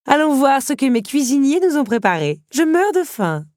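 A woman voicing an excitable, imperious countess hostess, theatrical and gushing. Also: moderate pace, no room sound, clean studio sound. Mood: effusive. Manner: theatrical, gushing, turns shrill and commanding.

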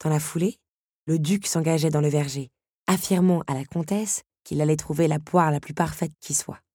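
A woman narrating a novel aloud in a measured, even storytelling manner. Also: low voice, husky, no room sound, clean studio sound. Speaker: audiobook narrator.

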